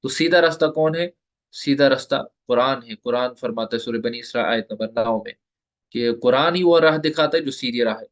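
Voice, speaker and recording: A man giving an online tajweed lesson, explaining step by step and slowly repeating the letter sounds for his students. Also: mid-range voice. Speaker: Quran recitation teacher.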